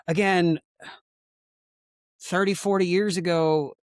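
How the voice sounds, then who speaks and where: A man's voice: high-pitched, steady tone, slow pace, dry recording, clean studio sound. A man in a casual podcast discussion, thoughtful and hedging, with fillers and sighs. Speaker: podcast panelist.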